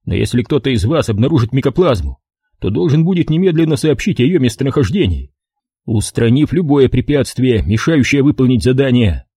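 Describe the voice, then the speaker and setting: Sarcastic grouchy corporal, as a man reader puts him on, dark and husky. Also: mid-range voice, expressive, brisk, no room sound, studio quality, voice pushed up. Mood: grumpy. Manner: grumbling, sarcastic. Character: grumpy irritable male army corporal.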